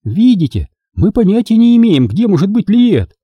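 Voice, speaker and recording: A man reading the part of a gentle, tender mother of a clan in an audiobook, speaking softly and pleading. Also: high-pitched, very animated, normal speed, slightly rough, dry recording, dull audio, pitched above the performer's own voice, exaggerated voice.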